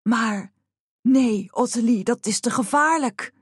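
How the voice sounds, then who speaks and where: A woman's voice: fairly high pitch, slow pace, breathy edge, no echo, clean studio sound. A woman voicing a nervous little male horned creature with webbed fingers in an audiobook, anxious and fretful. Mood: alarmed.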